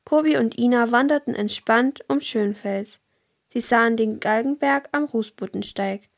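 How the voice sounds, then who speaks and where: A woman reads a children's story aloud with a calm, clear delivery. Her voice sits somewhat high. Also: normal speed. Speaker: narrator. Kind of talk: scripted children's story narration.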